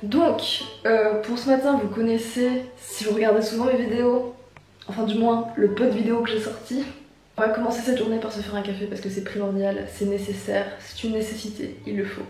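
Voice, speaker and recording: A woman with a slightly rough morning voice, chatting casually to camera as a fitness vlogger in an informal, self-mocking, emphatic way. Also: fairly high pitch, little pitch movement, brisk, darkish tone, soft background music. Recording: roomy echo.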